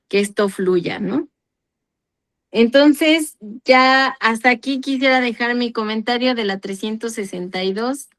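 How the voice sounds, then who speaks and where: A woman's voice: mid-range voice, fairly bright tone. A woman leading a Bible reading circle, reading scripture passages aloud and commenting on them, apparently over a video call.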